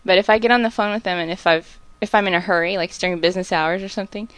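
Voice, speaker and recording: A woman's voice: medium pitch, steady tone, rapid-fire, a bit bright, dry recording. A woman from the American South, co-hosting in a teasing, laughing way. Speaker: co-host. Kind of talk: casual chat.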